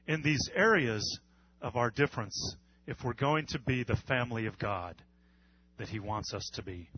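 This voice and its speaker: A male pastor from the United States preaching an earnest sermon, with measured pauses and repetition. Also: mid-range voice, no room sound, lo-fi sound.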